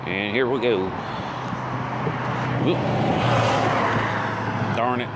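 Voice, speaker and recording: A man's voice: medium pitch, drawn-out words, very noisy. A man, chatting casually in a rambling, folksy vlog about vaping gear. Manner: folksy, easygoing drawl with fillers. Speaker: vaping vlogger.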